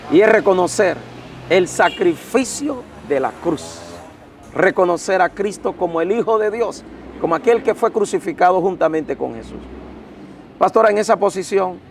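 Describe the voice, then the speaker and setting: High gravelly-voiced man telling testimony. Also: a little hiss or hum. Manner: intense, dramatic storytelling that swells and drops. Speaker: pastor giving his testimony. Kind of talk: emotional personal testimony to an interviewer.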